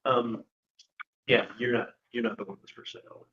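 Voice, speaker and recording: A man with a gravelly, creaky voice chats in a friendly way before a meeting and asks his neighbors questions. The sound is dull and lo-fi. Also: medium pitch, animated, moderate pace, a little hiss or hum. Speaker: advisory board member. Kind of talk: casual chat before a meeting. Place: meeting room.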